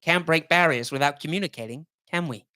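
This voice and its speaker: A composed young teenage girl speaks with a thick lisp and a bright, sharp edge as a man puts her on. She is gently persuasive and steady, with a tabletop storyteller's delivery. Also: fairly high pitch, fairly quick, no echo, pitched above the performer's own voice. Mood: gentle. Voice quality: exaggerated lisp. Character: calm, earnest girl of about fourteen. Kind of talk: reading a game epilogue aloud.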